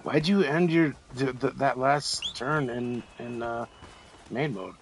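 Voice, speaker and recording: Drunk, gravelly man rambling. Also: mid-range voice, slow pace. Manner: drunk, rambling, stumbling and repeating words. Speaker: livestreamer. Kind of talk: casual livestream chat. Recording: faint video game noise behind voice.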